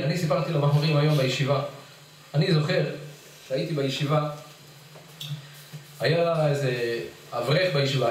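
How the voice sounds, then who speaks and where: A middle-aged rabbi giving a sermon-style Torah lesson, telling stories and acting out the pleas he quotes. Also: fairly high pitch. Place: study hall. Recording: echoey hall, voice far from the mic.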